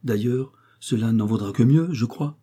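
A man reading the part of a calm, self-assured young woman lacemaker in an audiobook novel. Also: medium pitch, moderate pace, husky, natural voice. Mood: composed. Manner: cool, even, self-assured replies.

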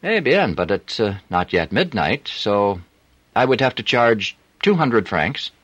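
A man's voice: fairly low pitch, big pitch swings, a little slow, fairly bright tone, no room sound, highs cut off, voice pushed up, heavily acted. Man doing a flirty French streetwalker. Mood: coaxing. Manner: teasing, coaxing, broken English.

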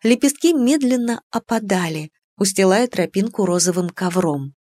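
A woman reading a first-person novel aloud in an even, measured storytelling manner. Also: medium pitch, dry recording. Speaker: audiobook narrator. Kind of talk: first-person scripted narration.

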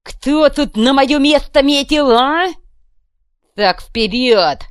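Brief: woman playing a one-eyed thug boss, barking high and loud threats, dry close sound. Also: expressive, dry recording. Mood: bellowing threats. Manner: shouted threats, drawn-out barking. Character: one-eyed brutal male gang boss, bellowing, threatening.

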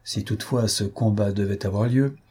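A male audiobook narrator reading a classic novel aloud. His voice is dark and husky, and his reading is steady and measured. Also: on the low side. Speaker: audiobook reader.

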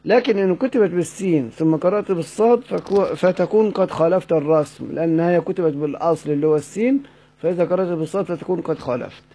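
Quick and warm, a high-pitched male teacher with an Egyptian Arabic accent delivers a recorded lecture on a text. He asks his students questions, supplies the answers himself, and goes back over the main points, all captured on a dull lo-fi recording.

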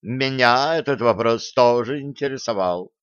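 List: gleeful gossipy gnome hologram girl voiced by a man, audiobook, raised pitch, clear smooth voice. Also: unhurried, dry recording, dull audio, natural voice. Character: cheeky female gnome hologram, ship's program.

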